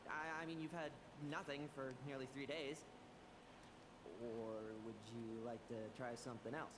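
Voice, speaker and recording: Her voice is very deep, with fairly even intonation and a moderate pace. Voicing a cheeky young woman knight, the actress is playful and teasing, alternating between cheerful and gloomy moods, in game audio with noise.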